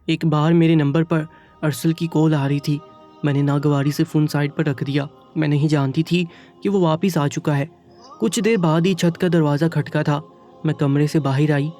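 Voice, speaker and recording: Man narrating a sad story, highish mellow voice, faint music behind. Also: steady tone. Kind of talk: first-person story narration.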